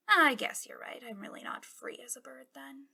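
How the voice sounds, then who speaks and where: In ASMR roleplay, a woman takes on the role of a fallen hero now a bitter, taunting villainess, breathy and given to whispering, with a mocking, conspiratorial drawl. Her voice sits high with a sharp tone and a heavily acted delivery, and her mood is grudging.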